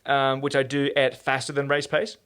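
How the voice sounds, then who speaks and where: A man hosting a podcast, chatting casually and quickly with plenty of fillers and restarts. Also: medium pitch, smooth. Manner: fast, animated, lots of fillers and restarts. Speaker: podcast host and trainer.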